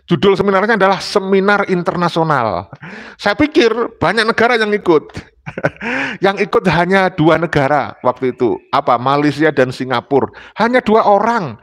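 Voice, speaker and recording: A man's voice: high voice, expressive, moderate pace, fairly bright tone. A man from Indonesia speaking emphatically in a panel discussion, lecturing and repeating his points. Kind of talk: discussion talk.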